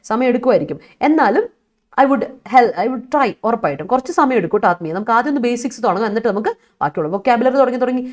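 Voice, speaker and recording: With a fairly high pitch and a darkish tone, a woman from Kerala teaches a live online English vocabulary class. She laughs often as she answers students, reads their chat out loud, and slips English words into her explanations.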